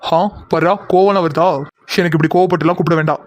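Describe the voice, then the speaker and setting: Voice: mid-range voice, fairly even intonation, quick pace, dry recording. A voice actor playing several cartoon characters, teasing and chatty. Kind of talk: cartoon voice acting.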